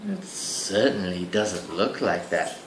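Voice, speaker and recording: A sultry, seductive temptress from a game, purring low and breathy with a hushed, coaxing manner. A man puts her on in a lowered voice. The voice rings lightly in an echoey room. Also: animated, slow, slight background noise. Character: sultry seductive dark-magic woman.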